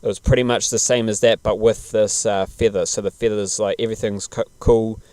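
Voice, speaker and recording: A man's voice: on the low side, flat delivery, fairly quick, darkish tone, no echo. A man chatting casually as a podcast host, laid-back, slangy and rambling. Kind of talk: casual podcast chat about television.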